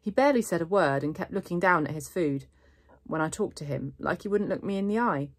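A woman's voice: fairly low pitch, fairly quick. A woman with an English accent, a primary school teacher reading a children's novel aloud in the first person. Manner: first-person storytelling, steady and lively.

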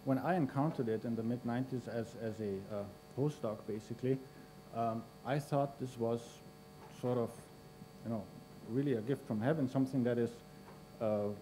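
Standing at a lectern in a large university lecture hall, a conference host from Austria introduces the next speaker with plenty of fillers. He speaks in a mellow, mid-range voice into the lectern microphone.

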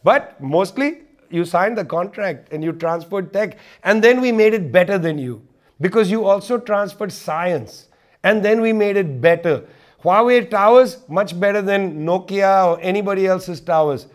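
A man's voice: high voice, moderate pace. A man speaking as an interview guest in a political discussion, emphatic and wry, driving points home by repeating them. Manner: wry, sarcastic asides.

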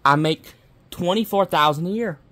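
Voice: medium pitch, moderate pace, fairly bright tone, natural voice. A puppeteer voicing a blunt, cranky older woman puppet in her sixties who rambles and grumbles in a puppet comedy sketch.

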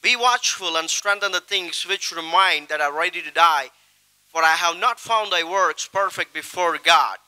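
A man's voice: fairly high pitch, normal speed, bright, forceful tone, clean tone, low-quality recording. A middle-aged man, an evangelist, seated on a stage reciting a long Bible passage from memory into a handheld microphone in a solemn, declamatory way with emphatic rises.

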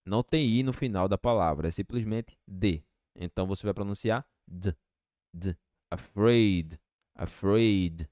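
A man teaching English to Portuguese speakers, slowly repeating each phrase with patience. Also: fairly low pitch, a little mellow, dry recording, clean studio sound.

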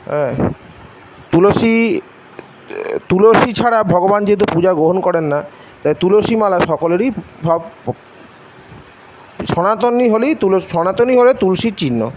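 A man from Bengal giving a devotional lesson at an unhurried pace, asking his own questions and answering them, with mantras chanted in between. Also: high-pitched. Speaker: religious teacher. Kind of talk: devotional instruction video. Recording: faint background noise.

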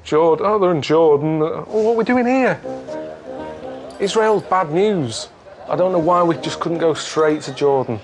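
A man who grumbles in a deadpan way about his travels. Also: on the high side, normal speed, over music. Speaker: traveller on a documentary show. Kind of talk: grumbling to camera.

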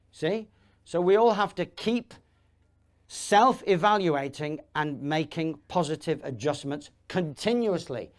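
A man giving a live seminar talk, emphatic and rambling, with restarts and asides, swinging between loud bursts and low asides. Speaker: seminar speaker. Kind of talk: live motivational talk to an audience.

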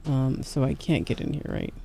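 A woman's voice: very deep voice, big pitch swings, normal speed, vocal fry, mellow, slight background noise. A woman streaming a video game, chatting casually and joking with her viewers. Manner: chatty, joking, often laughing. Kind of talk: casual gameplay commentary.

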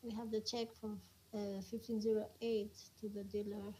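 A woman student working through accounting entries, speaking hesitantly with halting phrasing. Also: medium pitch, little pitch movement, warm tone, rough recording. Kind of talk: casual one-on-one tutoring.

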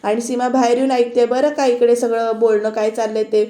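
High-pitched woman chatting through a serial recap, mellow tone, echoey room. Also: flat delivery, fairly quick. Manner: chatty retelling that addresses viewers directly. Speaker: TV serial reviewer. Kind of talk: casual episode recap voice-over.

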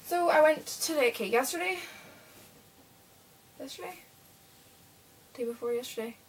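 Sitting high in pitch and moving at a moderate pace, a young Canadian woman chats loosely through a haul video, full of fillers and tangents. She's in a small bedroom, heard through a webcam mic at desk distance with a faint hiss.

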